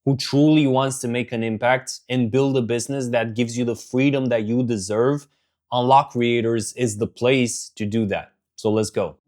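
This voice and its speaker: A man's voice: medium pitch, steady tone, moderate pace, darkish tone. A man hosting a casual interview, talking loosely and chummily with lots of fillers. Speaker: host.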